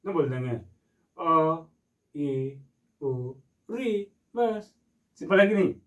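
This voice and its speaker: A man's voice: on the high side, recorded from a distance. A man teaching a Hindi grammar lesson who repeats each question and answers it himself, stretching vowels to demonstrate.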